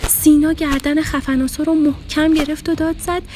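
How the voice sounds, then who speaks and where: A woman's voice: high voice, flat delivery, a little hiss or hum. A woman narrating a storybook for children and speaking affectionately to young listeners. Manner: warm, affectionate sign-off to kids. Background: music.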